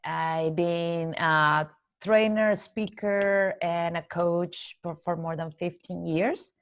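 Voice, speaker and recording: A woman from Colombia speaks English with a Colombian accent and a low, gravelly voice. She answers interview questions earnestly, laying out her ideas step by step. The audio is dry and somewhat dull and lo-fi. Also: steady tone, no echo. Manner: earnest, listing ideas in measured steps. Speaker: guest, corporate trainer and coach.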